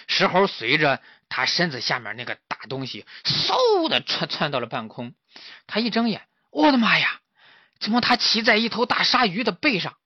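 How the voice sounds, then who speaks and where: A man's voice: fairly high pitch, slightly rough, no room sound. A man, a father, animatedly telling a playful children's story to his son, with frequent exclamations. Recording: slightly muffled dry recording.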